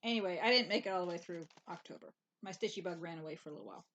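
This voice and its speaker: A woman co-hosting a casual stitching chat, wry and quick to laugh. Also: on the low side, fairly bright tone, highs cut off, slight background noise. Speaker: co-host.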